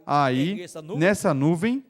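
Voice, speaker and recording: A man preaching a sermon slowly and deliberately, in short measured phrases. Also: fairly high pitch, lively intonation. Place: large church hall. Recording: long reverb of a large hall.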